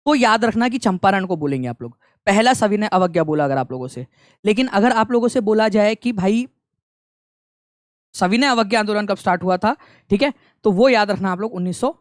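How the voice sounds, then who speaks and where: A young man gives an online exam-prep lecture in a conversational style, repeating the key points and slipping in English phrases. His voice sits high, and the studio-quality recording has no room sound.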